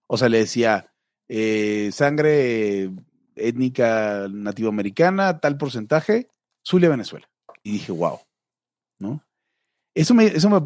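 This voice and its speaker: A man's voice: mid-range voice, a little mellow, no room sound. A man with a Mexican accent, co-hosting a podcast in casual chat, thinking aloud with many fillers. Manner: musing, hesitant with fillers. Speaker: podcast co-host.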